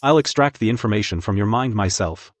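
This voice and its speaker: A man's voice: fairly low pitch, lively intonation, a little fast, no echo, lightly acted. A man voicing a cold, commanding, menacing young ruler in a dramatic English drama dub. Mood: ruthless. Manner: imperious, menacing, declarative.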